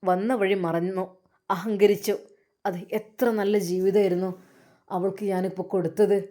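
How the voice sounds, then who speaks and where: A woman doing a soft-spoken, grieving father. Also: mid-range voice, pitched below the performer's own voice, natural voice. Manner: soft, soothing, sorrowful. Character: man, patient kind father and husband. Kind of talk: storytelling with acted voices.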